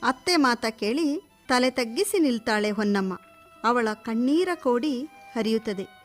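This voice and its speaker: A woman narrating a village folk tale in a radio drama with measured storytelling. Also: a little high, expressive, faint music behind.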